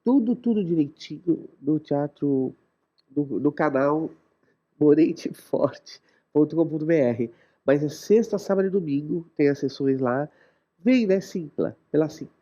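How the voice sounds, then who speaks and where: A woman's voice: low voice, lively intonation, measured pace, warm tone, dull audio. A woman hosting a casual interview, enthusiastic and often jumping in with short replies. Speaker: host and producer.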